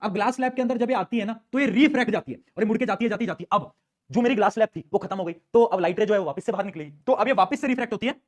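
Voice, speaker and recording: A man teaching an online science class, quick and animated, asking students questions and answering them himself. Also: high-pitched.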